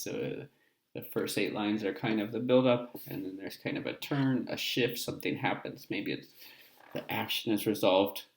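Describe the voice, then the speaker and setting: A male teacher explains a lesson in a loose, friendly way, often pausing on "uh" and "um." His voice sits low with a gravelly fry. The room around him is echoey. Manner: casual, explanatory, many "uh" fillers. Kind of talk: recorded class lesson.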